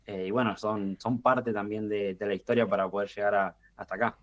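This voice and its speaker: Young Argentine man, lowish voice. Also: fairly quick. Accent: Rioplatense Argentine. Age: 20s. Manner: relaxed, thinks aloud with fillers and restarts. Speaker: guest marketing expert. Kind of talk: podcast interview.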